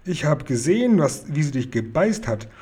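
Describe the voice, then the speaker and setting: A man's voice: fairly high pitch, very animated, normal speed, dark tone, slightly rough. A man voicing a kind, clever big friendly giant who eagerly gives orders and twists words playfully, read from a storybook. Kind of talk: storybook reading aloud.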